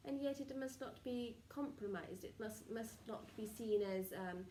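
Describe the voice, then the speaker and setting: A solemn, benevolent collective of spirit guides speaks through a woman acting as trance medium in a soft, mellow voice. The seance-style counsel comes in formal, halting phrases with murmured pauses. It is picked up from a distance in an echoey room, with faint noise. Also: on the high side, natural voice. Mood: gentle, instructive.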